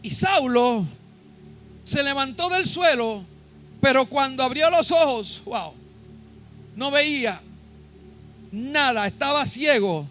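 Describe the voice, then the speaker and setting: High-voiced Puerto Rican pastor preaching. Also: male voice, animated, slow pace, long pauses, fairly bright tone, soft background music. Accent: Puerto Rican Spanish. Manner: emphatic preaching, repeats points, asks the congregation to respond. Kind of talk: sermon. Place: church.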